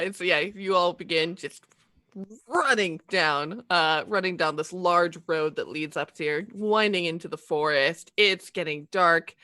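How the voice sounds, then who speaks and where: A woman acting as game master, narrating a tabletop game in a casual, improvised, halting way. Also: deep voice, pushed and bright, no echo.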